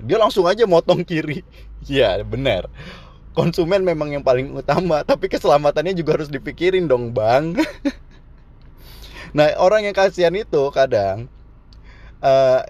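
A man's voice: medium pitch, a little mellow. Joking young man. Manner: joking, slangy, laughs at his own jokes. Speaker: vlogger. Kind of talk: casual comedic monologue. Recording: dull, slightly muffled recording.

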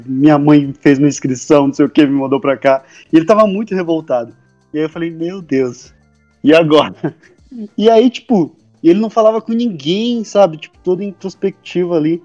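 Mellow Brazilian man, rambling story. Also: on the high side, lo-fi sound. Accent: Brazilian Portuguese. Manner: relaxed, rambling, many fillers. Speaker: podcast co-host. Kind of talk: casual testimony chat.

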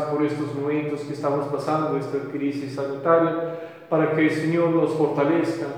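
A man reciting solemn Mass prayers as a priest, measured and formal, his voice carried in a cathedral echo. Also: mid-range voice, a little mellow. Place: large reverberant church interior. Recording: cathedral-like echo with long reverberant tail.

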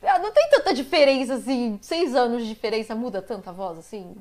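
A woman's voice: a little high, animated, a little fast, darkish tone. A young woman with a Brazilian Portuguese accent hosting a casual live-stream interview, enthusiastic and gushing, laughing often. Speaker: interview host.

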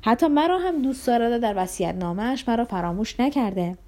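A woman reading the lines of a mocking young man, speaking scornfully and with rising excitement. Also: a little high, natural voice. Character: mocking young male nephew, sharp-tongued.

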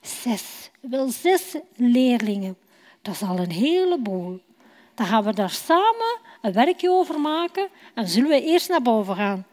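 Lively woman telling a children's story. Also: on the high side, a little slow. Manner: lively, addresses children directly. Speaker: children's storyteller in church service. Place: church hall. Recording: long church hall reverb.

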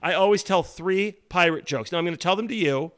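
A man's voice: sits high, a little fast, fairly bright tone, clear, resonant tone. A man co-hosting a casual chat, enthusiastic and fond of corny jokes. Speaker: podcast co-host.

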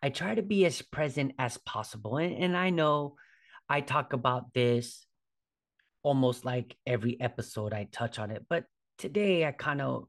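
Animated and mid-range, with some vocal fry, a man in his forties talks at normal speed on his solo podcast. He's a fitness trainer, and his casual, conversational style is sprinkled with frequent "right?" check-ins.

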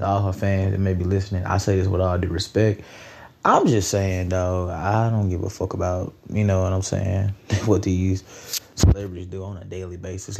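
A man's voice: low voice, vocal fry, a little mellow. A nineteen-year-old man hosting a solo podcast, rambling in a loose, profane, conversational way. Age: late teens. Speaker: podcast host.

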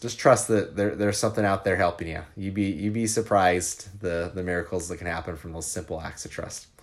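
A young adult man, hiccuping, talking loosely in a reflective monologue as host, often tagging his points with "right?" and "like". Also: sits low. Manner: loose and conversational, frequent "right?" and "like".

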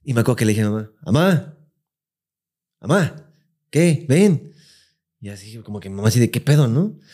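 A man with a Mexican accent, chatting casually as a podcast co-host, telling an animated story full of slang and acted-out quotes. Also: fairly low pitch, very fast. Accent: Mexican Spanish. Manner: animated, acts out quotes in raised voice, heavy slang.

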